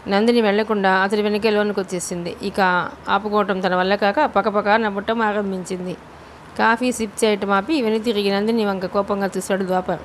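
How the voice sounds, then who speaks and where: A woman narrating a novel as an audiobook reader, in a steady storytelling manner. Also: medium pitch, a little fast, a little hiss or hum. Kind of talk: novel reading.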